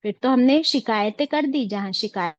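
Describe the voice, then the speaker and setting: A woman's voice: a little high, moderate pace, no echo, lo-fi sound. A woman teaching an online religious class, asking her students questions and mixing in English phrases. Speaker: Quran teacher.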